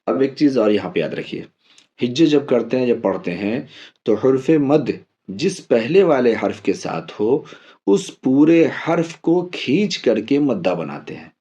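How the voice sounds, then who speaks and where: A man teaching Quran reading as a step-by-step lesson, patiently spelling out letters slowly and repeating each drill. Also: mid-range voice, very animated, mellow, muffled recording.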